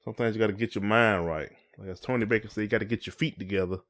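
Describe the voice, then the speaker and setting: This podcast co-host speaks very fast in a low-leaning, fairly bright voice with fairly even intonation. His casual conversation has a folksy, colloquial flavor.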